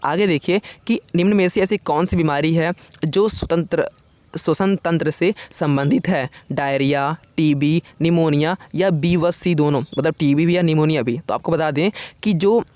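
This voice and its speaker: Brisk quiz-reading male teacher, slightly high voice. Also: darkish tone, no room sound. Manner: quick, casual, keeps saying "yaar" to the viewer; reads out options in a brisk list and then gives the answer. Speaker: exam coaching teacher. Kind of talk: rapid-fire quiz revision lesson.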